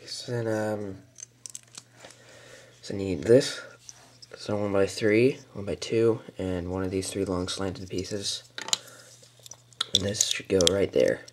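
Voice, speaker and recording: Recorded at a home table on a camera mic, a man with a very deep voice gives laid-back, step-by-step instructions for a toy build. He halts often, mutters mildly, and leans on fillers, while a noticeable hiss lies beneath his speech.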